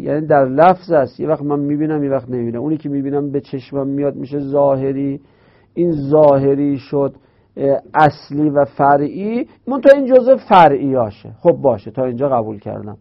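A man teaching a grammar lesson in speech, explaining step by step and slowly repeating key terms. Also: a little high. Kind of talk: Arabic grammar lecture. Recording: dull lo-fi recording.

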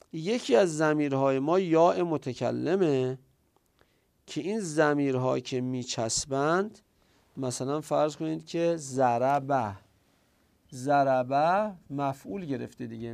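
A man's voice: medium pitch, creaky, darkish tone. A man teaching a grammar class, explaining step by step, reciting Arabic passages and asking and answering his own questions.

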